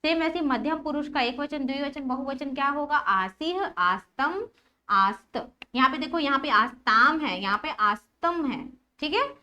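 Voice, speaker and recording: A woman teacher explaining a school lesson step by step, often checking whether the students follow and reciting word forms in a steady drill rhythm. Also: high-pitched, normal speed, highs cut off. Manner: checks understanding with repeated "ठीक है?".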